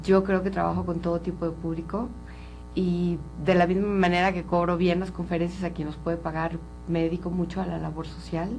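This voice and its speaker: A woman's voice: fairly low pitch, level tone, a little fast, a little mellow, faint music behind, poor audio. A woman from Colombia, a psychologist speaking earnestly and openly as an interview guest. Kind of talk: candid interview talk.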